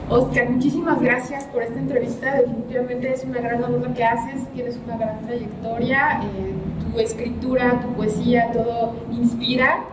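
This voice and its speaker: Young woman interviewer, echoey, loud noise. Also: a little high, steady tone, moderate pace, hardly any pauses. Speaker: interviewer and channel host. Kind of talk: scripted interview questions. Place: high-floor room by a large window over a city. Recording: distant echoey camera sound, loud traffic noise.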